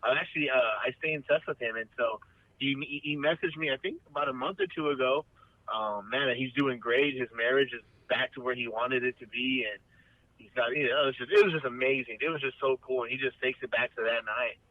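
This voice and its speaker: A man's voice: mid-range voice, fairly quick, no room sound. Earnest man on a tinny phone line. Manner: earnest, rambling with many restarts and fillers. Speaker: band member guest. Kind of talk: casual interview chat. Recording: dry, phone-like remote line.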